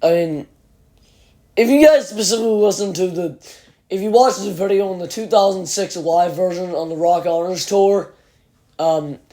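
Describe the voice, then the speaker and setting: A teenage man with a high voice chats eagerly about his favorite songs. He rambles and restarts often, leaning on fillers as he goes. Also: moderate pace, mellow. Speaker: podcast host. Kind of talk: casual chat.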